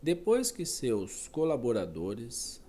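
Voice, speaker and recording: Slow, dark-voiced man reading aloud. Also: medium pitch, wildly swooping pitch, husky. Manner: slow, careful reading with self-corrections and asides. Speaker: reader. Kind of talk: reading a philosophy text aloud.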